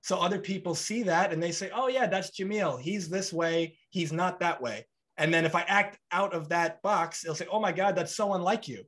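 Speaking in a high voice at normal speed, a man in his thirties hosts a podcast over video call from a bright room in his home. The interview is conversational, and he's lively, with big gestures and playacted two-sided dialogues.

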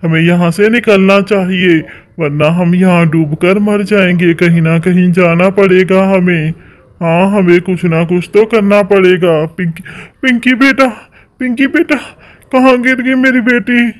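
A man's voice: high-pitched, steady tone, a little slow. A man voicing an anxious father bird in a cartoon, urging his family to flee in a pressing voice. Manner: urgent, commanding.

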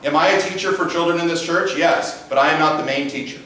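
A middle-aged pastor with a big voice preaches a conversational sermon, posing rhetorical questions in a fairly high, sharp tone at a quick pace. A distant camera and room mic pick him up in an echoey church sanctuary.

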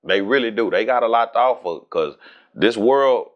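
A man in his forties from Houston with a Southern accent, talking casually and profanely as an interview guest, animated and streetwise. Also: lowish voice, normal speed, lo-fi sound. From Houston, Texas. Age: 40s. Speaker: rapper and guest.

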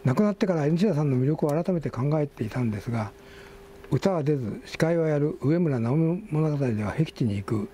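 A man's voice: fairly high pitch, animated, fairly quick, hardly any pauses, dark tone, a little hiss or hum. An older man hosting a casual talk show, reading magazine articles aloud with asides and self-corrections. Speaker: magazine editor and host.

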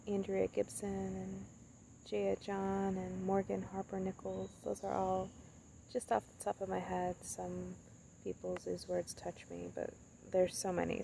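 A young spoken word poet with a medium-pitched, gravelly voice talks softly and haltingly into her phone, held at arm's length beside a tree in the woods, sharing reflective thoughts and reading a poem she wrote, with many pauses and fillers. Crickets and insects sound around her, along with a little hiss or hum.

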